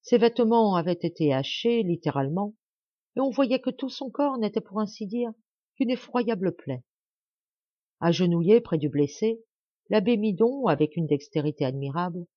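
A woman narrating an audiobook of a classic novel with an expressive, dramatic reading. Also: medium pitch, normal speed, no room sound, highs cut off.

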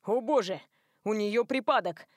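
A woman's voice: no room sound, lightly acted. A woman voicing an exasperated, bossy young man in an audiobook story. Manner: low, slow and curt.

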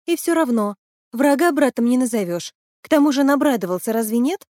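A woman voicing an excitable young female sidekick who speculates eagerly, in a higher voice. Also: a little fast, no room sound, studio quality. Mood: excited.

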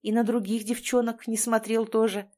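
A woman narrating a written story in a measured, steady reading voice. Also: fairly high pitch.

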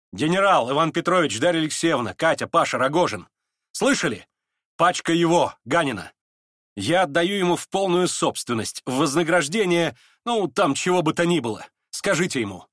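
A man's voice: a little high, a bit bright, no room sound, clean studio sound, pitched above the performer's own voice. A man voicing a proud, scornful young woman. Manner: imperious, exclaiming.

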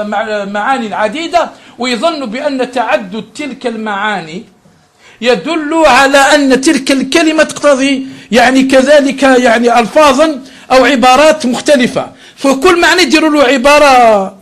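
A man's voice: very high voice, a bit bright. A man with an Algerian accent teaching a religious lesson, moving between classical Arabic and dialect in a chatty way. He often checks with his listeners and corrects himself mid-phrase.

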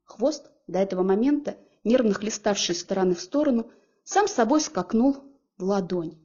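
A woman narrating a first-person audiobook in a lively, expressive storytelling manner. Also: mid-range voice, normal speed, slightly rough, highs cut off.

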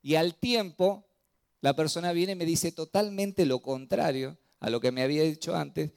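Animated Rioplatense Spanish male pastor. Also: on the high side, normal speed, creaky, clear, resonant tone, no room sound. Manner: animated preaching, rhetorical questions to the congregation. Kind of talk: sermon. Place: church.

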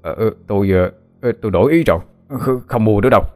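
A man's voice: lowish voice, quick pace, darkish tone, faint music behind, lightly acted. A man voicing a frightened old village man who stammers and hesitates in a told story.

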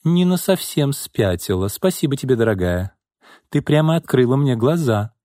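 A male narrator voicing a haughty middle-aged businesswoman who turns shrill and furious. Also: very animated, normal speed, mellow, no echo, studio quality, lightly acted. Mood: cool. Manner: cold and haughty, turning to screaming fury.

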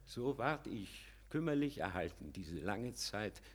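An actor playing a frail older father who was starved in a vault, pleading in a husky, weak voice in a classic radio play. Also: lowish voice, big pitch swings, measured pace, heavily acted. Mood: mournful.

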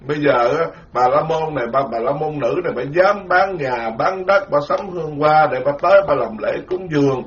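A man's voice: on the high side, expressive, moderate pace, few pauses. A man giving a sermon as a Buddhist monk, colloquial and self-mocking. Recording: dull lo-fi sound.

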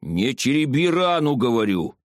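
A man voicing a stern old village herbalist woman who talks curtly and hoarsely in an audiobook. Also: lowish voice, no room sound, clean studio sound. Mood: scolding. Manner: curt, slow and commanding.

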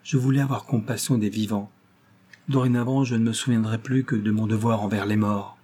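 A man reading the part of a calm, resolute young gentleman who speaks firmly and with quiet irony. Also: on the low side, a little fast, breathy edge.

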